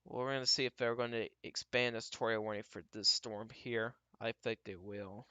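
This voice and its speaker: A man giving casual, off-the-cuff live weather radar commentary as a livestream storm tracker, halting and repeating himself as he talks through what he scans. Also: medium pitch, level tone, pushed and bright, clean tone, no room sound, highs cut off. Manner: talks to himself while scanning, halting and repetitive.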